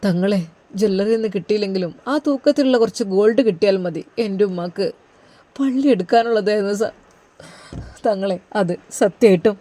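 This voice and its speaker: A narrator voicing a worried, pious young husband, pleading in earnest prayers. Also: male voice, high-pitched, fairly quick, mellow, close to an everyday voice. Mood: sorrowful. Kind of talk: storybook narration, inner monologue.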